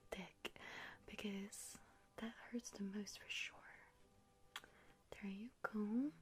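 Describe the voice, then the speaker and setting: A young woman playing a gleeful young witch who casts hexes, in a whispered role-play, with a playfully sinister, giggly, chatty manner. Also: on the high side. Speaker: ASMR creator.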